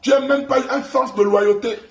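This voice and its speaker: A man's voice: very high voice, steady tone, moderate pace, reverberant. Mocking Gabonese man taunting on a live stream. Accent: Gabonese French. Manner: mocking, taunting, repeats insults. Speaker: online live host. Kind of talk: insulting livestream rant.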